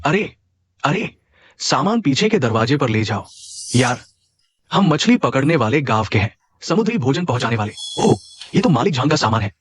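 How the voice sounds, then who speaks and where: A man's voice: mid-range voice, sing-song, normal speed, slightly rough. A man voicing a pushy fisherman in a dubbed drama. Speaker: fisherman delivering seafood. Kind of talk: Hindi dub of a short drama.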